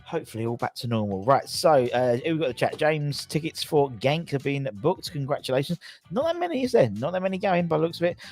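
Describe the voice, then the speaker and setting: A man's voice: mid-range voice, fairly quick, few pauses, darkish tone. A man with a southern English accent hosting a casual football fan livestream, rambling and jokey, often repeating himself as he chats to viewers.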